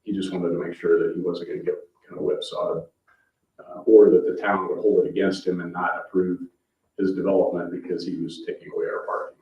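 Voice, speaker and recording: A man chairs a town board meeting in an informal, procedural manner, speaking fairly quickly in a deep voice with a level tone. The recording comes from a distant mic in an indoor public meeting room, so it sounds muffled and echoey.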